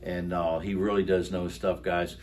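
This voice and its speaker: A man's voice: low voice, flat delivery, moderate pace, distant mic, crowd noise. An older man co-hosting a show, animatedly telling a self-defense story and demonstrating moves, laughing often. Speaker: co-host, karate instructor.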